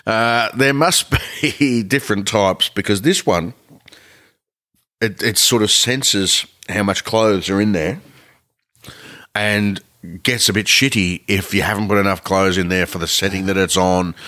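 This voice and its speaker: Eating while he banters, this podcast co-host rambles loosely, laughing and cursing along the way. He speaks a little slowly, his lowish voice carrying a sharp edge.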